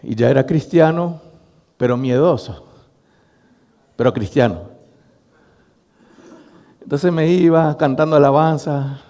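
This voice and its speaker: A man's voice: on the high side, slow pace, long pauses. Preaching man in a reverberant church. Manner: storytelling, addressing the congregation as brothers, animated. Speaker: pastor. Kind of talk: sermon. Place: church hall. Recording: long reverb of a church hall.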